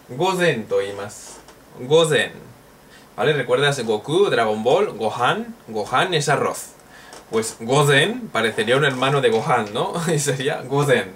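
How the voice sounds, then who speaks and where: Slow-talking male language teacher. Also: mid-range voice, fairly bright tone. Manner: slow, repeats drill phrases, jokes and laughs. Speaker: Japanese teacher. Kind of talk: recorded language lesson. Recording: distant mic with faint noise.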